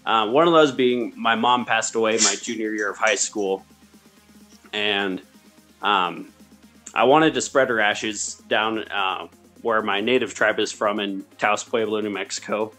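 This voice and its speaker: A man's voice: lowish voice, a little slow, pushed and bright, faint music behind. A man from the United States speaking as an interview guest, giving a casual personal account in a hesitant, polite way.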